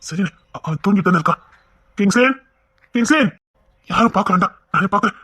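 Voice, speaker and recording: A woman acting out a family serial, moving between brotherly scolding and tender coaxing in a husky voice. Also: fairly low pitch, fairly even intonation, racing, sharp tone. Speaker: storyteller voicing a whole family.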